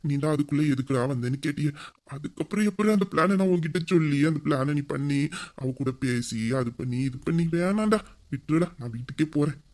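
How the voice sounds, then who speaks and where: A man's voice: fairly high pitch, a little fast, a little mellow, pitched below the performer's own voice, natural voice. A man voicing a sly young male friend who pleads and wheedles nonstop in a casual audio story. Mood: wheedling.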